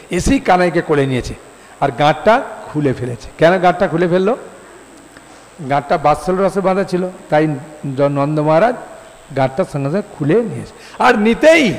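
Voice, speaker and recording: Animated male preacher in a reverberant hall. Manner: animated storyteller, acting out quoted voices with rising pitch. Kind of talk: devotional storytelling sermon.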